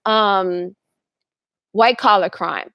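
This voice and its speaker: Gravelly-voiced woman in a rambling monologue. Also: mid-range voice, extremely slow, pushed and bright, no echo. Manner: rambling, restarts often, acts out quoted voices. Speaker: channel host. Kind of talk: casual monologue to camera.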